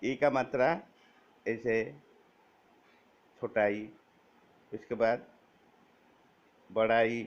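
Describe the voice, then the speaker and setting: Very slow-speaking man teaching a lesson. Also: medium pitch, steady tone. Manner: slow, deliberate, spells out each vowel sign; reads word lists aloud one word at a time. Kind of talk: Hindi grammar lesson for children. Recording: dull lo-fi recording.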